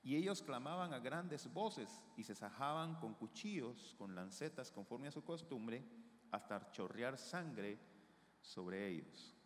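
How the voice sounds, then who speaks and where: A male pastor preaching a sermon in a church, swinging between hushed asides and raised, emphatic declarations. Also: medium pitch, expressive, slow. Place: church sanctuary. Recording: long church reverb.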